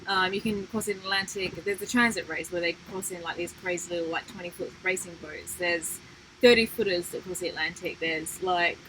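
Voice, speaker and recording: A woman's voice: fairly low pitch, steady tone, fairly quick, fairly bright tone, a little hiss or hum, low-quality recording. A woman co-hosting a live stream Q&A about sailing, reading out viewer questions and laughing often. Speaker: sailing vlog co-host.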